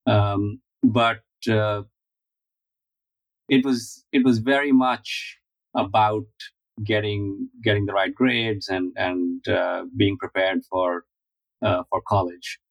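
A man in his forties from India speaks in a low, unhurried voice, pausing often with fillers as he answers. The recording is close and dry, with no room sound. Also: little pitch movement, vocal fry, no echo, low-quality recording. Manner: measured, thoughtful, many uh fillers. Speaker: guest, finance founder. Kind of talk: interview answers.

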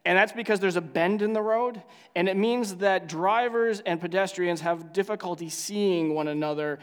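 A man's voice: high-pitched, moderate pace, clean tone, long reverb tail. A male pastor praying and then preaching in a conversational, storytelling way with frequent restarts. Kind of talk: sermon with prayer.

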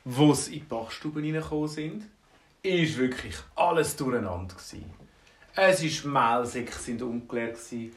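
A man with a Swiss German accent telling a children's story in a lively, animated way. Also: mid-range voice, a little slow. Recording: roomy, from a distance.

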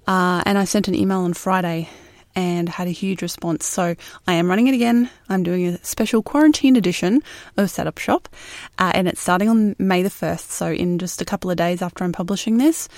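A woman's voice: on the low side, a little fast, a little mellow, no echo, studio quality. An Australian woman hosting a podcast in casual solo talk, recorded inside a closet. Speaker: podcast host.

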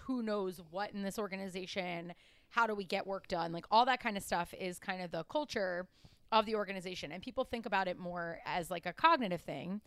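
A woman's voice: medium pitch, fairly bright tone, clean tone, no echo. A young woman co-hosting a podcast, chatting casually and laughing often, with lots of "like" fillers. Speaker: podcast co-host. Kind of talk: casual chat.

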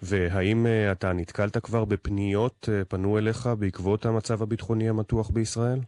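A man hosting a live radio news interview, putting measured questions with hesitant pauses. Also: lowish voice, fairly even intonation, warm tone, no room sound.

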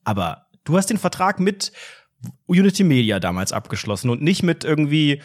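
A man's voice: fairly high pitch, very animated, brisk. Joking man in a casual chat. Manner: reacting, joking, asking follow-up questions. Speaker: podcast co-host.

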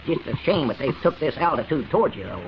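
An actor playing an excitable, kindly old country man with a rural Southern accent in a 1940s radio comedy. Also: mid-range voice, fast, close to an everyday voice. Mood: kindly concern. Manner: rustic, exclamatory, folksy. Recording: dull, hissy 1940s radio recording.

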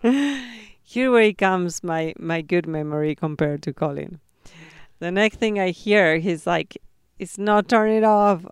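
A woman co-hosting, telling a story in an easygoing, relaxed way. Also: on the low side, takes it slowly, smooth, dry recording, clean studio sound. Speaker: podcast co-host. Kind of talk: casual chat.

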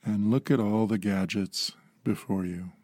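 A man in his fifties gently guiding a slow mindfulness meditation, calm and unhurried with long pauses. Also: fairly low pitch, no echo. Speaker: meditation guide.

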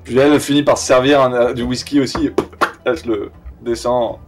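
Halting Southern French game master. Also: male voice, mid-range voice, steady tone. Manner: halting, many fillers and restarts, clears throat. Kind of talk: narrating a tabletop game. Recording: distant mic, faint music.

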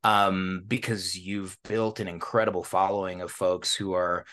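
A man's voice: sits low, flat delivery, measured pace, a bit bright. A man with an American accent hosting a podcast in an informal, slangy way, dropping in bits of Spanish. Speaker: podcast host. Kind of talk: casual hosting and interview.

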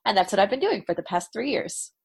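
Slightly husky woman from New York, emphatic. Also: medium pitch, animated, fast. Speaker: interview guest, nonprofit founder. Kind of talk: conversational storytelling.

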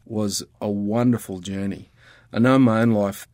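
Australian-accented man, middle-aged, earnest, reflective, deep voice, dry recording. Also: steady tone, normal speed, a little mellow, dry recording. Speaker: guest, ministry worker. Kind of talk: casual conversation.

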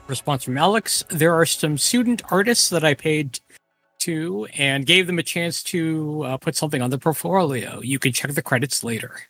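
A man with a bright, forward voice reads a guest's typed messages aloud on a podcast. He pitches a little higher than most men and follows each message with short, casual remarks of his own. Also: animated, normal speed, faint music behind. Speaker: co-host reading out a developer's chat comments.

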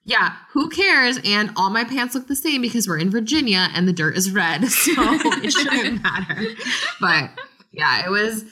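A woman's voice: mid-range voice, expressive, normal speed, crowd noise. A woman archaeologist in casual podcast chat, rambling with lots of fillers.

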